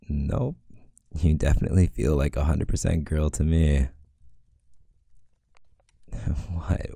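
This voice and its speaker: A man in a whispered role-play as a playful, teasing boyfriend, speaking softly and affectionately. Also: rumbling low, vocal fry, no room sound, studio quality. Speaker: audio role-play creator.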